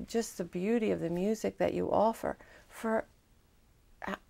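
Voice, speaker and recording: A woman hosting a local TV interview, chatty and enthusiastic, with quick asides. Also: medium pitch, steady tone, gravelly, mellow. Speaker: talk show host.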